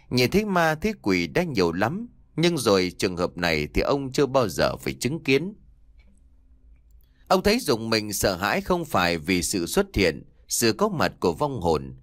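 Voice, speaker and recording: A man narrating a spooky village tale, telling it in a dramatic, expressive storytelling manner. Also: medium pitch, dry recording, clean studio sound. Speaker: audiobook narrator. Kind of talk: scripted horror story narration.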